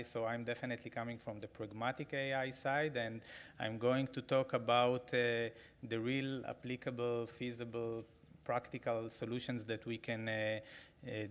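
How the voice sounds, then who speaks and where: A man's voice: mid-range voice, clear, resonant tone. A man in his forties at a podium mic in a large conference hall, giving a conversational keynote with frequent fillers. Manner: conversational, animated, frequent fillers, gestures while talking. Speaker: keynote speaker. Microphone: podium microphone.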